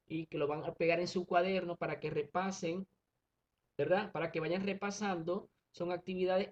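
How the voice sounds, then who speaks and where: Patient male teacher, dull lo-fi audio. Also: high voice. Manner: patient step-by-step explaining, frequent checking tags. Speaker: primary school teacher. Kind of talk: recorded online grammar lesson. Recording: dull lo-fi recording.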